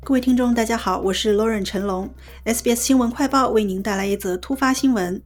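A woman's voice: on the high side, fast talker. A woman presenting a scripted breaking news bulletin as a news presenter. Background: background music.

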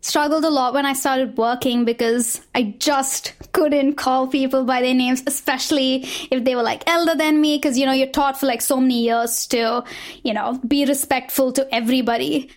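Young woman, bright pitch. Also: fairly even intonation, normal speed. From India. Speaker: interviewee.

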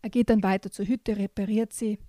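A woman reading a children's storybook aloud as a podcast guest, telling it in a calm, measured way. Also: mid-range voice, no room sound, studio quality.

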